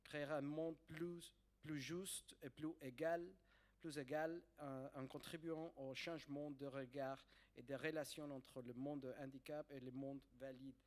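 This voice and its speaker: A man who is not a native French speaker, with a foreign accent in French, introducing a guest to an audience in a halting way, repeating words as he searches for phrasing. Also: mid-range voice, steady tone. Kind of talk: live spoken introduction to an audience.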